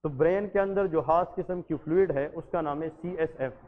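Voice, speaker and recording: A man gives an exam-focused medical lecture in a fairly high voice, switching between English terms and Hindustani and firing questions at the class before answering them himself. The audio is thin and phone-like. A long reverb trails behind each phrase. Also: normal speed. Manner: addresses listeners as janab.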